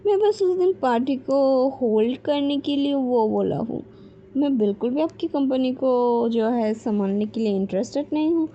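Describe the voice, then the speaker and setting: A woman's voice: moderate pace, mellow. A woman voicing a cold, defiant young daughter who talks bluntly and dismissively. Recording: dull low-fidelity mic with faint background noise.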